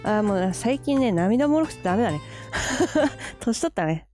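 A woman vlogging in a casual, chatty way, gushing and quick to laugh as she unboxes gear. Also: mid-range voice, big pitch swings, warm tone. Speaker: camera vlogger. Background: background music.

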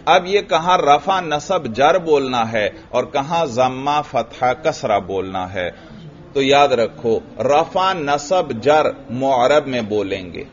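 A man's voice: mid-range voice, lively intonation, slow. A male religious teacher giving a classroom lecture on grammar, drilling students by asking questions and answering them himself. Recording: muffled lo-fi recording with faint hiss.

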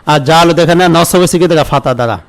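A man with a Bangladeshi accent teaches a grammar lesson online, putting a question to the class and then answering it himself more quietly. His voice sits somewhat high and sounds smooth and clear. He reads example verses slowly and repeats them.

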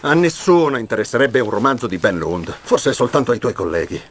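A pushy literary agent. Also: male voice, medium pitch, very animated, fairly quick, slight background noise. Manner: insistent, pressing. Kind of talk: dubbed film dialogue.

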